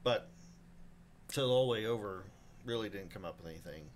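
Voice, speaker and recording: In a live podcast room with a little hiss or hum, a man in his fifties with a fairly low voice talks fairly quickly. He's a chef guest telling his story casually, wandering off track, interrupting himself, and quoting people with animation.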